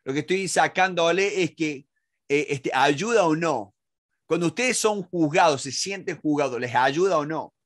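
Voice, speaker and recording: A man's voice: fairly high pitch, a little slow. A middle-aged man gives a spoken lesson on negotiation, talking conversationally with many rhetorical questions and restarts. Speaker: negotiation expert and instructor.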